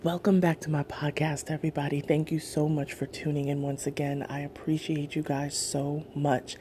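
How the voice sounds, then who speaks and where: A woman hosts her podcast in a soft-spoken, casual chat, her low, quiet voice dropping into whispers as she eats breakfast. Her tone stays level and her pace moderate, with a little background noise.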